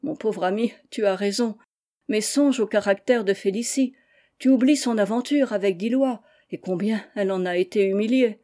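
A woman reading the part of a gentle, sorrowful aristocratic mother who speaks softly and patiently, in a mellow voice. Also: medium pitch, moderate pace, lightly acted. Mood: soothing. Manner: soft, soothing, patient.

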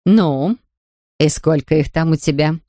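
An audiobook narrator voicing a blunt old woman who keeps a village shop, speaking slowly and plainly. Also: mid-range voice, dark tone, no echo, clean studio sound, lightly acted. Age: older. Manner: blunt, drawn-out speech.

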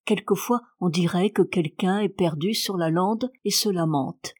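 A woman's voice: lowish voice, measured pace, darkish tone, breathy edge. A woman reading the lines of a talkative young housemaid in a storybook, in a plain matter-of-fact telling voice. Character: stubborn chatty young housemaid. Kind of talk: audiobook character reading.

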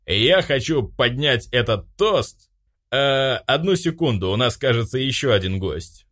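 A man's voice: medium pitch, animated, unhurried, fairly bright tone, voice pushed up. A man voicing a rowdy, cheeky drunk young man who slurs through boastful toasts. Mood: tipsy.

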